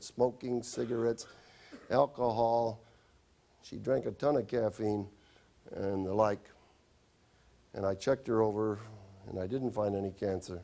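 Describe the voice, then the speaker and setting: A man's voice: medium pitch, gravelly, mellow. A man who is a doctor, telling chatty, wry anecdotes in a health lecture. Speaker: doctor giving a stop-smoking talk.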